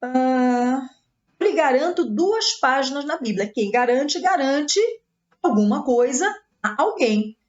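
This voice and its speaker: Brazilian woman, grammar teacher, exam-prep lesson, step-by-step explaining, higher voice, slightly muffled lo-fi sound. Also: lively intonation, takes it slowly. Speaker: Portuguese teacher.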